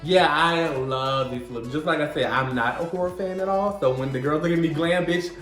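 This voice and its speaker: A man's voice: a little high, brisk, fairly bright tone. A man bantering in a casual video review, with a sassy, slangy drag-queen delivery. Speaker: co-host of drag show review. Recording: roomy echo with music behind.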